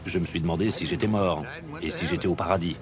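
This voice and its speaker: A man's voice: sits low, quick pace, over music. A man telling a first-person story as a documentary interviewee. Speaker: interviewee, shark attack survivor.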